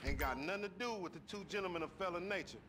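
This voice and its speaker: An American man playing a cocky, fast-talking young gangster in a video game, showy and slangy. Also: sits high, noisy background, natural voice. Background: game music and vehicle sounds.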